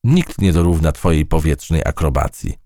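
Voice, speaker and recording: A man's voice: a bass voice, animated, moderate pace, mellow, no echo, clean studio sound. A man voicing an earnest, plucky young female mouse in a children's story.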